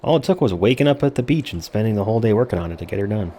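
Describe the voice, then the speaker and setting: A man's voice: lowish voice, animated, racing, dark tone, a little hiss or hum. A man hosting a gaming video with casual commentary, speaking informally and jokingly with free use of swearing.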